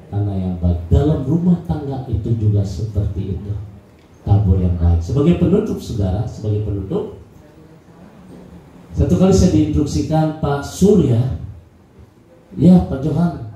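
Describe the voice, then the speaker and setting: Brief: male pastor, lively storytelling sermon, dark mellow tone, recorded from afar in a big echoey church, dull sound. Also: medium pitch, far from the mic, a little hiss or hum. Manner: animated storyteller, acts out dialogue in changing voices. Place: church service.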